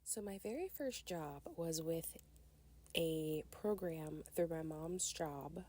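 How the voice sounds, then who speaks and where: A woman's voice: low voice, takes it slowly. A woman in her twenties hosting a casual solo podcast, sounding nasal and congested from a cold, chatty and rambling. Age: 20s. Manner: chatty, rambling, with fillers and laughs. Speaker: podcast host.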